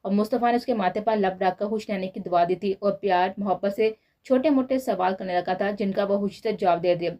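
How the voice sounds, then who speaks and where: A woman narrating a romance novel in a steady storytelling manner. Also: mid-range voice, fairly quick. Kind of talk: novel reading.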